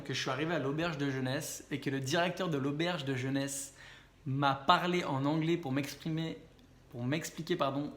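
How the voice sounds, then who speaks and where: A young French man talking casually to camera, chatty, with frequent fillers and quick self-corrections. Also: a little high, roomy sound. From France. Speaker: vlogger and speaking coach.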